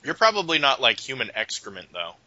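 A man reacts to a recap in a casual chat, snarky and incredulous. His voice is very bright and swings widely in pitch. The sound is dry and dull, like a lo-fi recording. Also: sing-song, brisk, dry recording. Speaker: podcast co-host.

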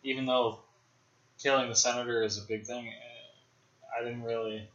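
A man's voice: medium pitch, steady tone, normal speed, fairly bright tone. A young man hosting a podcast, chatting casually about films, rambling and speculating with many fillers. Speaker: podcast host. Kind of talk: casual film discussion. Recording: roomy, dull lo-fi podcast audio.

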